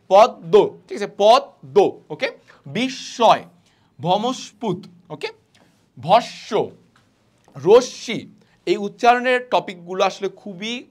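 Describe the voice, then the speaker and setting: A young man teaching an online grammar class. He asks the students questions, answers them himself and repeats the example words slowly. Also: high-pitched, fairly bright tone.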